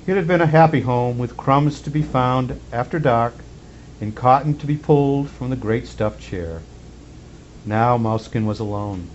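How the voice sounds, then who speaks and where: Playing Santa, a man reads a children's storybook aloud, telling it expressively with measured phrasing. His voice is average in pitch, and the slightly muffled recording carries faint background noise.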